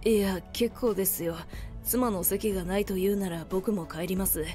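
A woman voicing a calm, loyal young husband in a storybook drama, cool and polite. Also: mid-range voice, moderate pace, faint music behind, pitched below the performer's own voice, close to an everyday voice.

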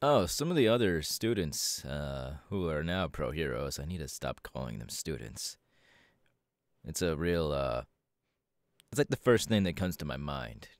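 In an ASMR audio roleplay, a man plays a proud, laid-back superhero mentor, talking casually and explaining things with drawling, hesitant pauses. His extremely low voice swings widely in pitch and is heavily acted, recorded at studio quality with no echo.

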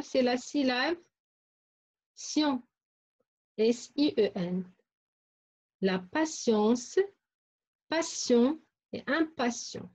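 A woman teaches phonics very slowly, spelling out and repeating each syllable for young pupils. Her voice sits a little high and sounds mellow. The recording is muffled and lo-fi. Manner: repeats words and syllables carefully for children. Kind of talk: slow, deliberate phonics lesson.

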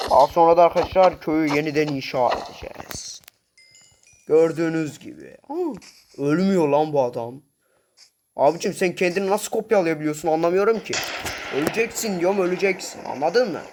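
A man giving casual, excitable gameplay commentary, swearing often and talking straight to his viewers. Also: fairly high pitch, slight background noise.

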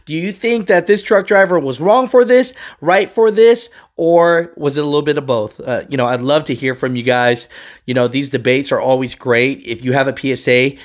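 A man in his forties hosting a trucking news channel, chatting straight to camera in an animated, casual way. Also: medium pitch, moderate pace. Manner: chatty, animated, addresses viewers directly.

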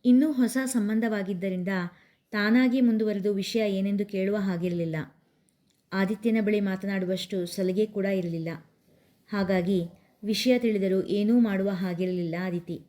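A woman's voice: mid-range voice, fairly even intonation, a little slow, warm tone. A woman reading a romance story aloud as its narrator.

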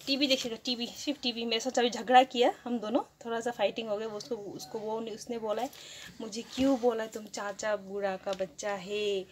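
A woman's voice: fairly high pitch, a little hiss or hum. A woman talking casually at home in a vlog, playful and teasing with her child. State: sweaty after play-fighting. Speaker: vlogger and mother. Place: home room with a fan and TV.

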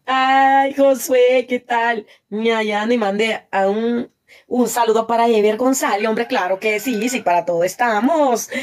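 Chatty Salvadoran woman on a live stream. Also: fairly high pitch. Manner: chatty, laughs often, thanks viewers warmly. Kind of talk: casual live stream chat reading comments.

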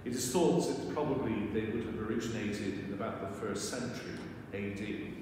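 A man's voice: lowish voice, moderate pace, distant mic. An older man speaking as a priest in church, reading scripture and preaching, his voice carrying a cathedral-style echo. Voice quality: echoing, cathedral-like reverberant sound. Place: church sanctuary at a lectern. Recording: echoey church hall, long reverb, noisy.

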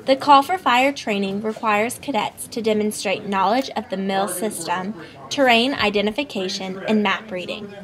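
A woman's voice: medium pitch, normal speed, a crowd in the background. A woman reporter reading scripted narration for a news report.

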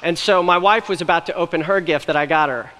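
A man's voice: fairly high pitch, quick pace, bright, forceful tone. A young man giving a sermon as pastor, earnest and conversational, with light jokes, on stage in a church. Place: church stage with a large hall. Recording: long hall reverb from a church room.

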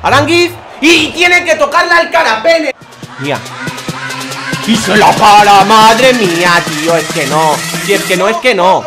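A young man commentating his football video game, shouting, groaning and swearing as he plays. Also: high voice, lively intonation, measured pace, music in the background. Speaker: gaming youtuber. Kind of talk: excited gameplay commentary.

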